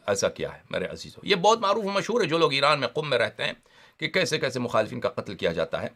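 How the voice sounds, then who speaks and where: A man giving a religious lecture, explaining Arabic terms in Urdu and often checking that listeners follow along. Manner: animated and emphatic, with sharp rises in pitch and loudness.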